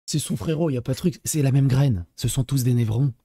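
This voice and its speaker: A man's voice: mid-range voice, quick pace, dark tone, no room sound. A man streaming live, reacting to clips with sarcastic, mocking asides and reading chat messages aloud. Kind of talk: casual live-stream commentary.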